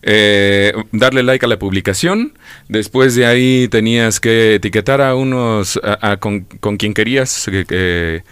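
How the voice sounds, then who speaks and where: A man's voice: on the low side, a little slow, fairly bright tone, smooth, no room sound. A man with a Mexican accent hosting live radio banter, with a showy ringmaster-like way of announcing. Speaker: radio show host.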